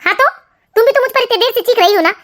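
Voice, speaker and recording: A woman voicing a defiant, sharp-tongued housemaid in an animated family story. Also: very high voice, rapid-fire.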